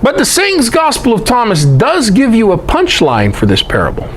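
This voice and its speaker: A presenter and Bible teacher gives an animated lecture on scripture scholarship in a very high voice with huge pitch swings at a moderate pace. He's emphatic and conversational, using rhetorical questions and folksy asides, and there's slight background noise.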